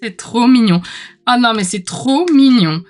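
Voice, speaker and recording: A tarot unboxing host who is a little sick clears her throat while chatting casually and excitedly, exclaiming often as music plays. Her voice is a little high and somewhat mellow, with lively intonation and a measured pace.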